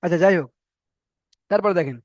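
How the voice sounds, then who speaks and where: A man teaching a Quran reading lesson, spelling out Arabic letters and patiently repeating each syllable slowly for his students. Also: high voice, dry recording, highs cut off. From Bengal.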